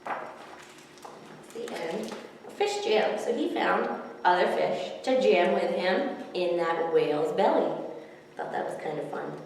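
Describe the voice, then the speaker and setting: Slow and gravelly, on the low side, a thirty-something woman reads picture books to young children during story time, expressive and chatty with asides. She works as a children's librarian. An indoor room with a forest backdrop gives echo, the mic sits far away, and there's faint noise.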